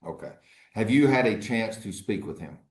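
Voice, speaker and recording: A man speaking as an attorney in a courtroom recording, formally questioning a witness in a measured, halting way. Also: fairly low pitch, animated, echoey room. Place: courtroom hearing.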